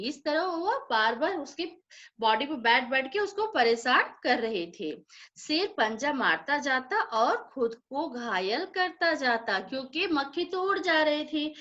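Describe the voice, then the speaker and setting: A woman's voice: sits high, bright, forceful tone, muffled recording. A woman teacher reading a story aloud to children, explaining it and asking and answering her own questions.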